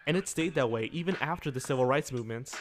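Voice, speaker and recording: A man giving scripted list-video narration in a steady, wry way. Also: mid-range voice, quick pace, a little hiss or hum.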